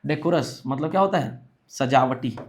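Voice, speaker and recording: A man teaching English for exams in Hindi. He reads the English sentences slowly and asks questions that he answers himself. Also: mid-range voice. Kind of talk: exam-prep lesson.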